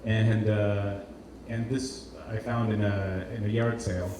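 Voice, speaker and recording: Speaking a little slowly, this man from Portugal presents informally as a designer, his low-leaning voice showing little pitch movement. He falters and repeats himself as he searches for words. It was captured in a strongly echoing indoor venue, in a distant, roomy recording full of hall noise.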